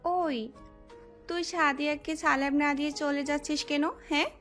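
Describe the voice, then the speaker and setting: A woman's voice: sits high, fairly even intonation, a little slow, fairly bright tone. A woman voicing a brash, bullying young female college senior who taunts a new student in an audio drama. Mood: taunting. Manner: taunting, aggressive. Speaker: friend of the gang leader. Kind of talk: Bengali audio love-story drama. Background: faint background music.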